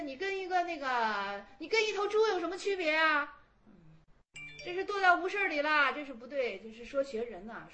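A woman's voice: high-pitched, fairly bright tone. A woman giving a colloquial lecture on Chan Buddhist texts, chatty and full of rhetorical questions, acting out the quotes she cites.

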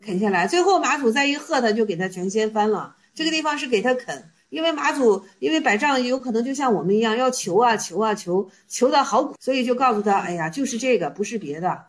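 High-voiced woman retelling koans animatedly. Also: fast talker, hardly any pauses. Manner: animated retelling, repeats and restarts words. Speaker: teacher explaining Zen koans. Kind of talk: conversational lecture with storytelling.

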